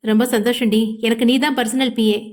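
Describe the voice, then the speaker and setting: A woman reading the lines of a calm, reassuring young husband in a storybook. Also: a little high, a little fast, natural voice.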